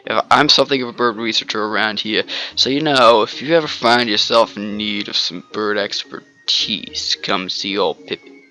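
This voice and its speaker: A man reading the lines of an easygoing young male bird-riding friend in a video game, in a relaxed, boastful manner. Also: fairly low pitch, normal speed.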